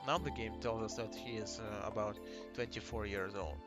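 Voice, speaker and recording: Young man, halting game talk. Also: on the low side, fairly even intonation. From Russia. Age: 20s. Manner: halting, with restarts and fillers. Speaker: gaming video host. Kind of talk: casual game commentary and reading a visual novel aloud. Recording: music playing behind the voice.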